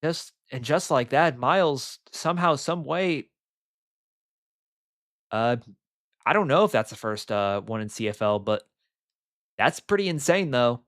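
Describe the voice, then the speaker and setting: A young man doing live play-by-play commentary on an online football game, excitable and rambling, with lots of filler words. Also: mid-range voice, unhurried, long pauses, no room sound, clean studio sound.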